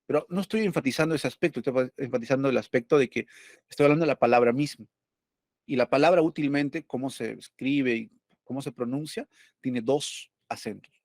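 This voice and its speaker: A man's voice: mid-range voice, a little fast, darkish tone, no room sound, clean studio sound. A male teacher going over test questions, explaining step by step and asking and answering his own questions.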